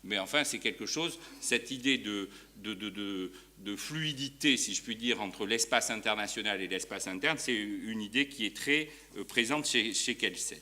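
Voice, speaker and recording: A man's voice: fairly low pitch, normal speed, few pauses, pushed and bright. A man giving an academic conference talk as a law professor, hesitant, with frequent fillers and restarts. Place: university lecture hall.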